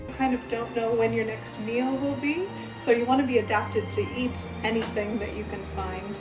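A woman's voice: fairly high pitch, fairly even intonation, moderate pace, rough recording. A young adult woman speaking as a scientist in a documentary interview. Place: indoor interview setting. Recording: music behind the voice.

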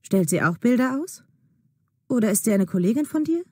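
A woman reading a wife who will not let go of her questions, voice lifting higher as she presses. Mellow tone, dry close sound with no room behind it. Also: lively intonation, brisk, no room sound. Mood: probing. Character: suspicious, insistent wife questioning her husband. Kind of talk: acted dialogue in a learner audio drama.

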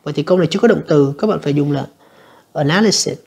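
A woman teacher, going through an English exam answer by answer and reading the English lines slowly. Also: low-pitched, creaky, a little mellow, breathy edge. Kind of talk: exam review lesson.

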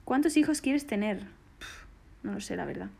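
A woman's voice: mid-range voice, lively intonation, normal speed, gravelly, warm tone, a little hiss or hum. A woman, bubbly and affectionate, casually answering fan questions on a phone live stream. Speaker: singer doing a live stream.

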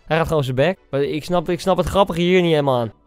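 A young man's voice, pitched a little above average and smooth and crisp, reacts to clips in casual commentary. He sounds incredulous and teasing, firing off quick exclamations. Soft music plays faintly underneath. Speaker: YouTuber.

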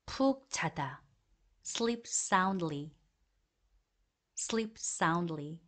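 A woman reading an English vocabulary drill as a teacher, saying each phrase twice in a slow, deliberate way. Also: on the low side, expressive.

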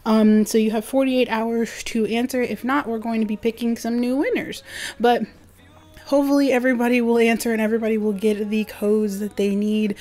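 A woman's voice: fairly high pitch, flat delivery, brisk, darkish tone. A woman hosting a gaming channel, making a hyped, gushing, informal giveaway announcement to her viewers.

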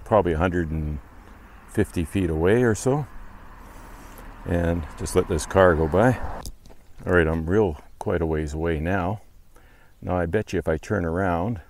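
A man's voice: low-pitched, a little slow, pauses often, darkish tone, slight background noise. A man in his sixties talking casually to himself as he films a walking vlog outdoors. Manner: musing aloud to himself while walking. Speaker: vlogger testing camera gear. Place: outdoors on a wooded trail and roadside path. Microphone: wireless lapel mic and camera mic.

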